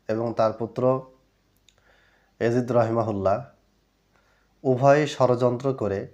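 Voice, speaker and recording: A man giving an explanatory religious lecture as an Islamic scholar, reading out Arabic texts and then translating them in a measured way. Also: mid-range voice, darkish tone, dull audio.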